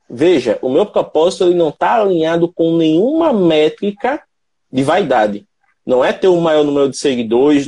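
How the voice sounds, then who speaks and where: A Brazilian man hosts a live stream in a fairly high, husky voice. He talks emphatically and often stops to ask rhetorical questions. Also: mellow. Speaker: host of a mobile photography channel.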